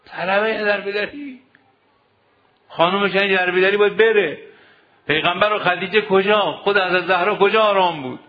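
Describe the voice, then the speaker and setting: A man preaching a sermon to seminary students, exhorting them with rhetorical questions. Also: high voice. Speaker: cleric teaching seminary students. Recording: dull lo-fi recording.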